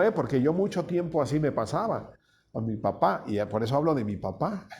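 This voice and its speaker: A man's voice: medium pitch, warm tone, a little hiss or hum. A man preaching a conversational sermon, folksy and often asking his small congregation questions. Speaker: pastor.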